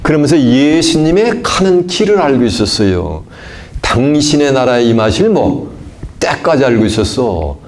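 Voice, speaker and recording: A pastor delivers a sermon, posing questions to his congregation and answering them himself. He shifts between loud, emphatic lines and quiet asides, speaking at a moderate pace with great animation.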